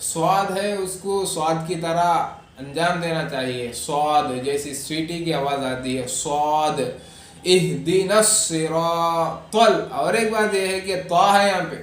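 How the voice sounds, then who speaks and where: A male religious teacher, explaining pronunciation in a Quran recitation lesson and reciting verses slowly and drawn out. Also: a little high. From India. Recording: echoey room, distant mic.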